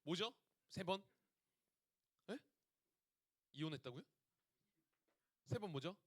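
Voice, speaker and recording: A man delivering a youth sermon, his voice pitched high and ringing. He speaks in a lively, animated way, throwing questions at the young listeners. The sound is dry and close. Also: slow, dry recording. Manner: lively, asks the audience questions. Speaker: youth pastor. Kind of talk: sermon to teenagers.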